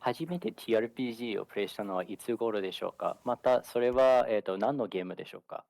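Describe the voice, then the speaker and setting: A man working as an interpreter, giving a translation voice over of an interview in a rapid, matter-of-fact way. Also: mid-range voice, animated, creaky, darkish tone, no echo. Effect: translation voice over, interpreting the other speakers' words. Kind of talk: live consecutive interpreting for an interview.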